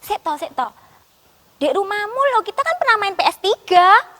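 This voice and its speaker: A woman Sunday school teacher, gently coaxing and explaining to a child puppet. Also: extremely high pitch, expressive, moderate pace, big-room sound.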